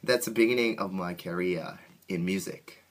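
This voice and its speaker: In a low voice, a Japanese man who plays in a band answers an interviewer with a Japanese accent, relying on simple, halting phrases in a language not his own.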